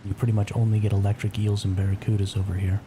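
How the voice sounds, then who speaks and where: A man whispering quietly as he chats casually on a live gameplay stream. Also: lowish voice, level tone, quick pace, background noise.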